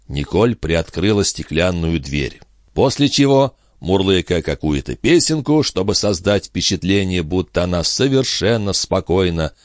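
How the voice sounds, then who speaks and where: A man narrating an audiobook with expressive, lively delivery. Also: sits low, no room sound, studio quality. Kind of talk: scripted narration.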